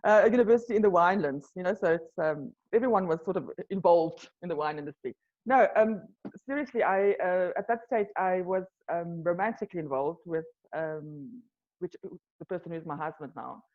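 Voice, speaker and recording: This wine tour company founder from South Africa speaks a little fast in a fairly low, slightly mellow voice, and the highs are cut off. An Afrikaans native with a South African accent, she answers the interviewer's questions casually and hesitantly, with lots of ums and restarts.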